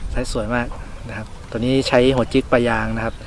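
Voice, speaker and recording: Casual male fishing vlogger, relaxed gear talk, outdoor pond with faint background noise. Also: medium pitch, quick pace.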